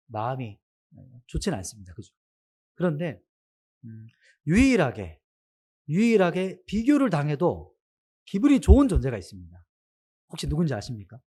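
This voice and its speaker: Animated Korean preacher, higher-pitched man. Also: slightly rough. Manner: asks the congregation many questions, animated rise and fall. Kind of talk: sermon.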